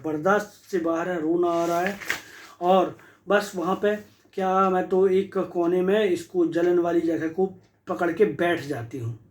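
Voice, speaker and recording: A man's voice: high-pitched, darkish tone, rough recording. A man presents a patient's case like a teacher. His talk moves back and forth between Hindi and English phrases, full of repeats and fillers as he reasons through each remedy. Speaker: homeopathy doctor.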